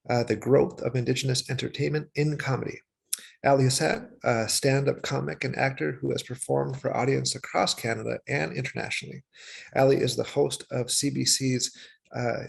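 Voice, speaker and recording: Man, event host, husky, halting introduction, frequent fillers. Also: medium pitch. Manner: hesitant, many fillers. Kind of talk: read introduction.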